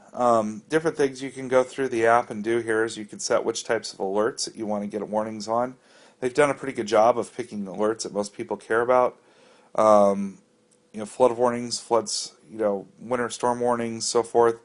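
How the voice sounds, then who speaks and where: An American app reviewer narrates a casual, unscripted walkthrough, explaining things conversationally and with some hesitance. He has a mid-range voice with fairly even intonation and a moderate pace.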